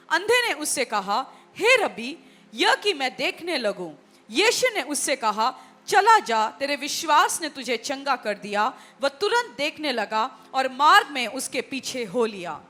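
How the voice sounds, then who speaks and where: Female scripture reader, slow and lively in pitch, bright tone. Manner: measured, expressive reading. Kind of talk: reading a Bible passage aloud.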